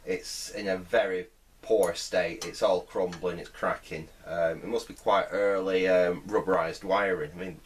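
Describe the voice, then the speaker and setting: Working at an indoor bench, a middle-aged vintage radio restorer talks through his repair in a casual, hesitant, thinking-aloud way. He has a low, fairly even voice, unhurried with few pauses, and there's slight background noise.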